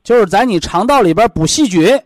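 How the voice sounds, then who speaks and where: A man's voice: high-pitched, animated, fairly quick, dry recording. A man with a Northeastern Chinese accent giving folksy health advice to a caller, colloquial and repeating himself as he explains with homely analogies. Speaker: health expert advising callers on a radio programme.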